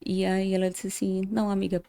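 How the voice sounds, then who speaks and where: A woman's voice: medium pitch, completely flat delivery, quick pace, mellow, clean tone. A woman giving earnest personal testimony as a podcast guest, often acting out remembered dialogue.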